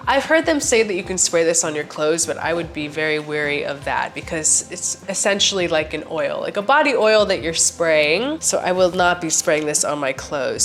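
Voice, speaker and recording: A woman's voice: on the low side, a bit bright. Congested woman reviewing perfume, faint music. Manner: chatty, fills with "like" often. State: congested, sounds sick. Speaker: fragrance reviewer. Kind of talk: casual product review.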